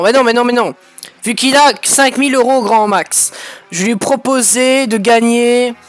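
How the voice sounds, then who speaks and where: A man giving excitable, crude let's-play commentary as a gaming YouTuber, breaking into sudden shouted outbursts. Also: extremely high pitch.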